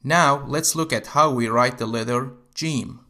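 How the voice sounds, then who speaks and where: A man's voice: medium pitch, unhurried, sharp tone. A man teaching Arabic letters, explaining how to write each one step by step. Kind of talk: instructional narration.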